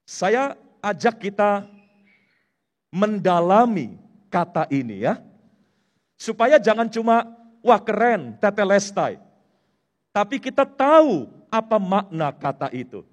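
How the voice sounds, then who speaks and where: A man's voice: high-pitched, sing-song, slow pace, pauses often. A man preaching a sermon in a church, explaining a word step by step and mixing in English terms. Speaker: pastor. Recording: long hall reverb.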